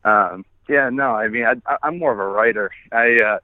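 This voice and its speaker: Out with his dog, a man in his forties who founded an app joins as a guest by phone on a tinny line with no room sound. His pitch sits in the middle and his speed is normal, while his casual talk is peppered with profanity and false starts.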